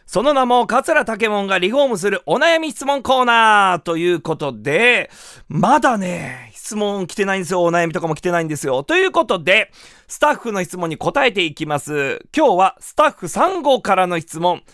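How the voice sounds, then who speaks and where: A man who is a rakugo performer hosting a radio show, telling comic stories in a lively way. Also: high voice, moderate pace, no echo, studio quality. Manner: lively, animated, acts out quotes. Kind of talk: comic storytelling talk.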